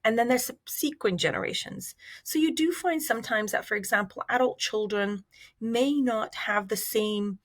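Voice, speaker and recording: A middle-aged woman from Iraq, a researcher giving measured, thoughtful interview answers with fillers and restarts. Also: fairly high pitch. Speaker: researcher guest.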